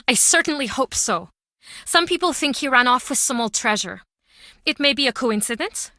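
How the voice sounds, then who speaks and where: This game character is a bitter, guarded woman running a small-town pub, voiced fairly high and sharply bright. Her heavily acted delivery is expressive, curt and dismissive, with brooding, dramatic phrasing at a moderate pace. The recording is dry and close, with no echo.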